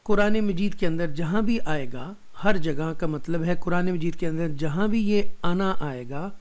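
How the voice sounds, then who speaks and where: Slow, deliberate Pakistani man teaching. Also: sits high. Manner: slow and deliberate, drawing out each word; mixes English and Hindi-Urdu, checking in with "right?". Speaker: Quran teacher. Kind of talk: recorded online lesson.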